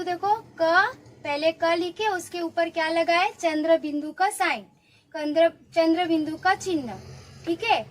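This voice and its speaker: A woman teaching young children, coaxing them to repeat sounds after her and praising each answer. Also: very high voice. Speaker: primary school teacher. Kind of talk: online lesson for young children.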